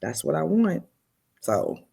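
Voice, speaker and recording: A middle-aged woman, a podcast guest, telling her testimony in an animated way and acting out the dialogue. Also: deep voice, slow pace, gravelly, husky. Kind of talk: storytelling testimony.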